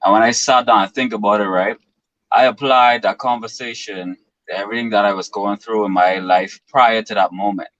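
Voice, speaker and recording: A man's voice: fairly low pitch, steady tone, brisk, fairly bright tone, dry recording, lo-fi sound. A man in his twenties from the Bahamas, talking as a guest in an earnest, philosophical way with long winding explanations. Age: 20s. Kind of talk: reflective interview talk.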